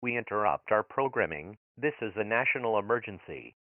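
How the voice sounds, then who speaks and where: A stern male emergency announcer, voiced by a man, reads out national alert instructions in a flat, formal, measured manner. His voice sits fairly low. The sound is thin and phone-like, with a dry, close quality. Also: no room sound, natural voice. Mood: urgent. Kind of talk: scripted emergency alert reading. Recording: tinny phone-like dry audio.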